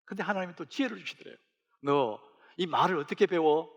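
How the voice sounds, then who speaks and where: A middle-aged senior pastor preaching a sermon, telling a story with rising emphasis. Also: male voice, a little high, animated, brisk, creaky, lo-fi sound.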